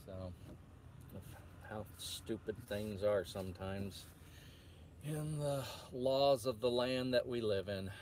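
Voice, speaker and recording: Speaking slowly in a lowish, slightly mellow voice, a trucker vlogger rambles casually to viewers, hesitating and breaking off to restart his sentences. Slight background noise can be heard.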